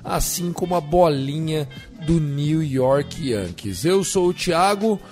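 A man's voice: a little high, animated, slow pace, darkish tone, soft background music. A man with a Brazilian accent hosting a sports podcast in a casual presenting style. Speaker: podcast host.

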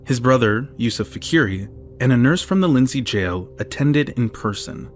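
A man narrates a documentary from a script, measured and factual. A clear music bed runs under his voice, and his pitch is mid-range for a man. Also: lively intonation.

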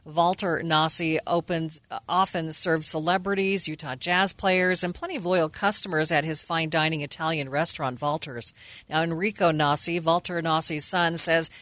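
A woman's voice: low voice, fairly even intonation, normal speed, a bit bright, no room sound. An American woman anchoring radio news, reading a scripted newscast.

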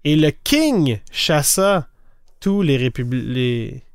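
A man's voice: on the high side, very animated, slow pace, clear, resonant tone, no room sound. Playful Quebec French man, dry close sound. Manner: playful, punning mnemonics. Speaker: podcast co-host. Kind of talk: casual quiz chat.

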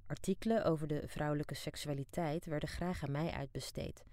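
A woman's voice: deep voice, steady tone, fairly quick, a little mellow, dry recording, studio quality. A middle-aged woman from Amsterdam narrating her own diary as an audiobook, frank, wry and down-to-earth. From Amsterdam, Netherlands. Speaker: narrator and author.

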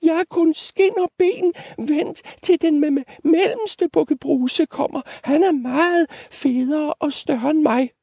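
A man voicing a tiny timid young billy goat who stutters in a squeaky voice. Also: creaky, few pauses, warm tone, no room sound, studio quality.

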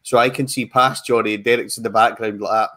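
Chatty man, lower voice. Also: fairly even intonation, fairly quick, a bit bright. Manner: chatty, many restarts and fillers. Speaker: football podcast pundit. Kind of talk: casual football discussion.

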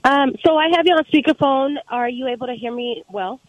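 A woman's voice: high voice, fairly quick, no room sound. A woman in her thirties calling a radio show on speakerphone, asking earnest, hesitant questions with many ums. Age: 30s. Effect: speakerphone over a phone line. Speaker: caller. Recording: tinny phone line.

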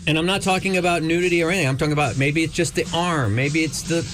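A middle-aged man hosting a radio show in casual banter, haltingly searching for his words. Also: on the high side, over music. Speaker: morning radio show host.

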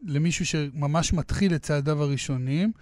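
A man's voice: fairly high pitch, darkish tone, no echo. A man hosting a casual interview, probing with questions that he rephrases as he goes. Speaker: interviewer, host.

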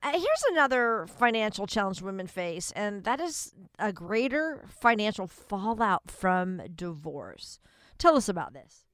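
Woman, radio co-host, upbeat chat, crisp voice, dry close sound. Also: medium pitch, sing-song, measured pace, fairly bright tone, no room sound. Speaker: co-host reading out topics.

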